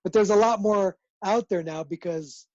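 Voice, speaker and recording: A man's voice: high-pitched, moderate pace, no room sound, highs cut off. Easygoing man, dry close sound. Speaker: guest. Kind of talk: casual video-call chat.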